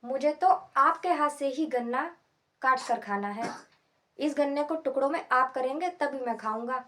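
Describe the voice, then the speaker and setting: A woman doing a grown man playing a fussy little boy in a storybook tale, high-pitched and whining. He turns down every offer with insistent refusals. The pleading sits up in a bright, high register. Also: normal speed. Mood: stubborn whining. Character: Birbal acting as a stubborn crying boy.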